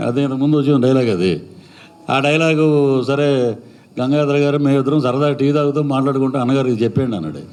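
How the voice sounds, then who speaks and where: A man's voice: fairly high pitch, darkish tone, clear, resonant tone. A middle-aged man speaking at a film event on stage, rambling and full of praise, sometimes acting out lines of dialogue. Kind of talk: stage speech at a pre-release event.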